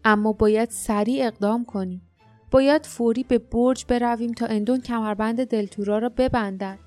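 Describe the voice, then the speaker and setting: A woman's voice: fairly high pitch, steady tone, darkish tone, soft background music, lightly acted. A woman voicing Jarred, a young loyal male warrior who speaks earnestly and presses for action in an audiobook. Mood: urgent.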